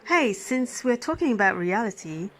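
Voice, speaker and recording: Voicing a smitten, caring female ER physician with a crash patient, a roleplay performer delivers tender, soothing one-sided ASMR. Her rather high, somewhat bright voice moves at a moderate pace with big pitch swings, shy and affectionate, flustered, breaking into breathy whispers.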